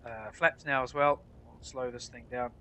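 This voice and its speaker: A man explains his flight sim play in a casual commentary style. His voice is bright and forward, with a clearly nasal, congested tone from a cold. The pitch sits in an ordinary middle range for a man. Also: fairly even intonation, normal speed. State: blocked nose from a cold. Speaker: flight sim player narrating a tutorial.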